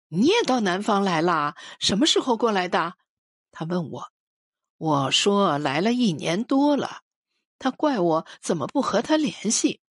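Husky, lively woman reading a story. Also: lowish voice, dry recording, studio quality. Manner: expressive, measured storytelling. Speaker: audiobook reader. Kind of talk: scripted narration of a literary short story.

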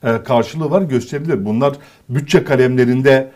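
A man talking through a point in a commentary chat, steady and mid-pitched. He builds his case with emphatic rhetorical questions and repeats key phrases to drive it home. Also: moderate pace.

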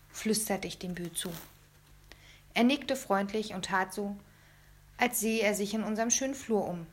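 Lady reading a kids story in first person, lively storyteller vibe. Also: mid-range voice. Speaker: audiobook reader.

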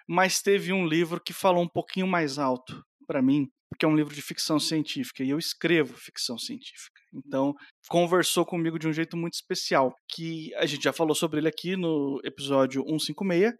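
A Brazilian man with a slightly high voice talks calmly about books in a podcast chat. The recording is dry and close. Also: no echo. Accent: Brazilian Portuguese. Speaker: podcast co-host. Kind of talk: casual book chat.

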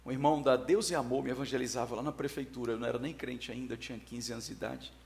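A man's voice: medium pitch, steady tone, rapid-fire, creaky. Man preaching with emphatic swings. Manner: emphatic preaching, swinging from loud declarations to soft asides. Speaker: pastor. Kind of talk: sermon.

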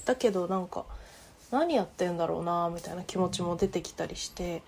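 A woman hosting a casual chat, asking questions in a relaxed way and laughing often. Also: lowish voice, fairly quick, gravelly, a little hiss or hum. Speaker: host.

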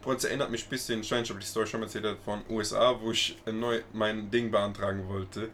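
Ein junger Mann, der locker im Slang plaudert und eine eigene Anekdote erzählt. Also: male voice, lowish voice, fast talker, slight background noise. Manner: relaxed slangy reactions, tells his own anecdote. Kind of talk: casual chat.

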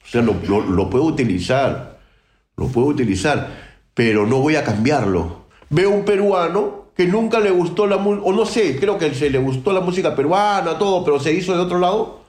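A man's voice: fairly high pitch, expressive, moderate pace, a little mellow, echoey room. A man from Peru, a guest percussionist, talking outspokenly and emphatically in a casual interview, with many restarts.

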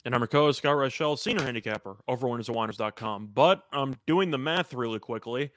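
A man co-hosting a sports betting show in casual banter, with a dry, deadpan sense of humour. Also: mid-range voice, fast talker, a little hiss or hum. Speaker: co-host and sports handicapper.

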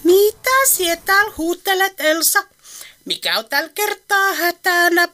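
A woman's voice: very high-pitched, sing-song, sharp tone, heavily acted. An actress playing a dry, teasing elderly woman with an Eastern Finnish dialect in a radio play. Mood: wry. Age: older. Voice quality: wry, teasing.

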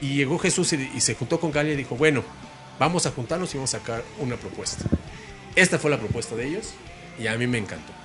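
A man's voice: mid-range voice, expressive, fast talker, over music. A Mexican man, a guest musician, telling rambling stories in casual chat with many restarts. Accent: Mexican Spanish.

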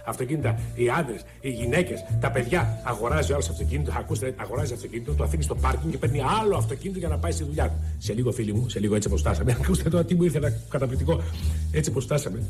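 An actor playing an opportunistic middle-aged man who rants theatrically like a TV presenter, rising to shouts. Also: mid-range voice, close to an everyday voice. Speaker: TV series character. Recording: TV clip with music behind.

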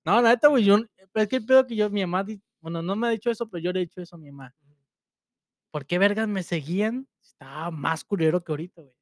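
A young man with a Mexican Spanish accent, his voice high-pitched and fast, co-hosts a podcast. He laughs frequently through loose, crude, slang-filled chatter, and the studio audio is clean with no echo.

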